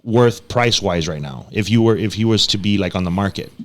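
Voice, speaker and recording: A man hosting a casual podcast, talking slangy with Spanish words mixed in. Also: brisk. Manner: slangy, mixes Spanish words, coos at the dog in a high voice. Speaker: podcast host.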